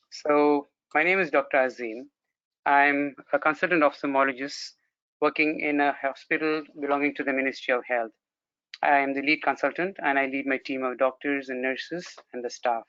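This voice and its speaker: A man's voice: medium pitch, fairly bright tone, no room sound. A man from Brunei, a consultant ophthalmologist, giving a formal, courteous academic presentation, heard through a video call screen recording. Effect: captured in a video call screen recording. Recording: dry, dull lo-fi video call audio.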